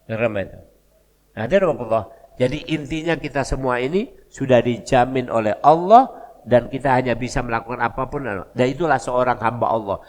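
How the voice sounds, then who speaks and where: An older man with a Palembang Malay accent giving a mosque lecture, telling stories in a relaxed conversational way with dialect asides. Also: medium pitch, normal speed. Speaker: preacher. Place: mosque hall. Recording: long reverb of a mosque hall.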